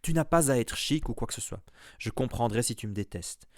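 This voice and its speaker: A man voicing an eleven-year-old boy wizard who talks quickly and earnestly. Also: medium pitch, expressive, a little mellow, no room sound, studio quality, natural voice. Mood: contrite.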